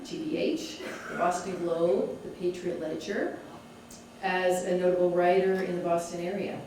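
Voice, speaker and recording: A woman's voice: fairly low pitch, a little mellow, distant mic, slight background noise. A woman organizer welcoming an audience and formally introducing the guest speaker. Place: community hall. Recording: echoey hall recorded from afar.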